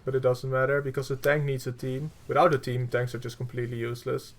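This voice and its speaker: Brief: male coach, gravelly voice, middle pitch, blunt and profane while reviewing gameplay, plenty of fillers. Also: little pitch movement, fast. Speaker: game coach.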